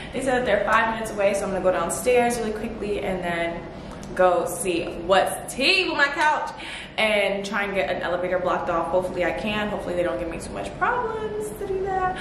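A young woman chatting excitedly to the camera in her apartment for a casual vlog. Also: medium pitch, background noise. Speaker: vlogger. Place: apartment at home. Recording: echoey room.

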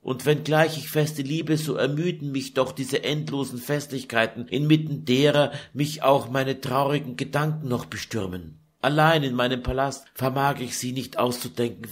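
A man reading a German audiobook, voicing a young noblewoman who is weary and sad. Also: close to an everyday voice. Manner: high plaintive lament.

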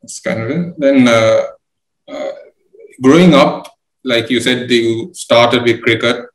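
Young male host, halting questions, roomy webcam sound. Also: medium pitch. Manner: measured, halting questions with many fillers. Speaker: interviewer. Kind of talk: interview questions. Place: room with bookshelves indoors. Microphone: video call webcam.

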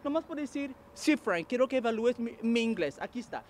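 A man with a very high voice hosts a lively street quiz. He teases his guest and hops between Spanish and English as he teaches. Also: brisk, slight background noise. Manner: animated, teasing, switches between Spanish and English. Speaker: game show host and English teacher. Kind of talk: playful street quiz show.

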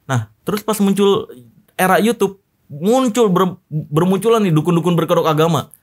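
A man with a notably high voice, chatting casually as a podcast guest. He tells stories in a lively, mocking way and laughs often. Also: normal speed. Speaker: magician guest.

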